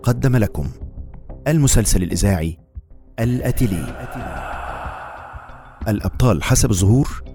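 An old radio serial announcer reading credits formally. His voice is dark and relaxed, with big melodic swings. Soft music sits behind him. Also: fairly low pitch.

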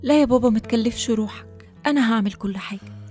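An actress playing an anxious, dutiful young Egyptian daughter in a radio drama. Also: female voice, a little high, fast, mellow, soft background music, lightly acted.

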